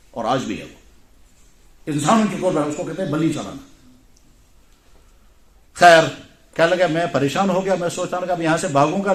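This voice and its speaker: High-voiced pakistani urdu preacher guy, tells stories animatedly, roomy echo. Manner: animated storytelling with voiced dialogue. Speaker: Islamic scholar and preacher. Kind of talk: sermon with storytelling.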